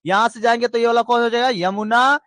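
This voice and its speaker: A man's voice: very high-pitched, steady tone, fast, fairly bright tone, no room sound. A man teaching a geography lesson, running through lists in a sing-song chant and asking checking questions. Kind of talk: classroom lesson with drilling repetition.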